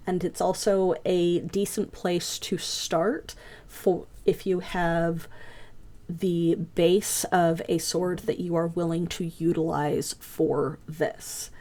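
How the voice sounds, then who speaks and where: A woman teaching a hobby craft class over voice chat, talking fast with frequent ums and uhs. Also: fairly low pitch, mellow. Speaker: instructor. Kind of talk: online class lecture. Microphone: home computer mic on a voice chat.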